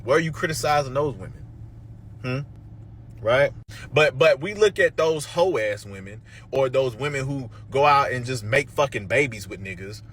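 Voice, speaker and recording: A man's voice: medium pitch, animated, moderate pace, a bit bright, a little hiss or hum. A man in a heated reaction rant, swearing and speaking in a sarcastic, combative way.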